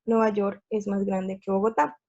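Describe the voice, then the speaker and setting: A woman's voice: medium pitch, little pitch movement, moderate pace, a little mellow. A woman teaching a grammar lesson over slides, explaining step by step in a patient way and checking in with her viewers. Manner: patient, repeats steps, checks in with "¿sí?" and "listo". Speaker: English teacher. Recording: dull lo-fi sound.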